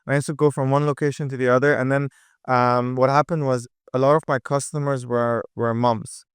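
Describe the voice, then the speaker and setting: A lively young entrepreneur from Dubai, appearing as a podcast guest, chats casually in an interview with a crisp, medium-pitched voice. He's energetic and quick, with many fillers and restarts, and the recording is studio quality with no echo.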